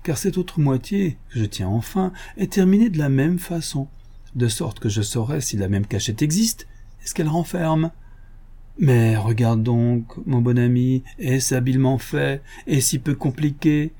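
A man reading the part of a cocky, mocking gentleman thief in an audiobook, taunting and condescending. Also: medium pitch, animated, unhurried, pitched above the performer's own voice.

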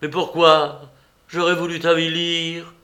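Tormented young nobleman, loud and impassioned, slow storybook delivery, put on by a male reader. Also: medium pitch, close to an everyday voice. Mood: vehement. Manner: vehement, impassioned outbursts.

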